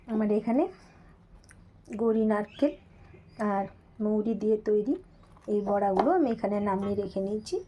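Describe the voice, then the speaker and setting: In this rough recording with a slight hiss or hum, a woman hosts a home cooking video, chatting directly to viewers from her kitchen. Her voice is medium-pitched and mellow, the talk relaxed and casual.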